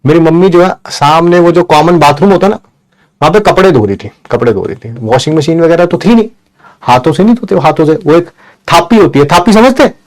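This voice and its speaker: Lively storytelling man, fairly high voice. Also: brisk. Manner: lively, addresses listeners with "bhai sahab" and "hai na". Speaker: teacher telling a story to students. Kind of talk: animated storytelling.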